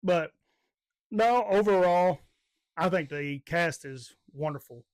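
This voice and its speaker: A man's voice: fairly high pitch, slow, no echo, clean studio sound. Easygoing man giving a casual movie verdict. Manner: easygoing, casual grammar, agreeable. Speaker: podcast co-host. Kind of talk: casual movie review chat.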